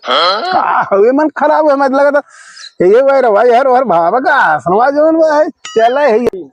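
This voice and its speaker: Man acting a high-pitched blustering town drunk mechanic. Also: lively intonation, unhurried, full character voice. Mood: rambling, wheedling. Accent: Awadhi. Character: cheeky drunken male village mechanic, demanding liquor. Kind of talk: comedy sketch acting. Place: outdoors by a roadside. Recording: noisy outdoor recording with clicks.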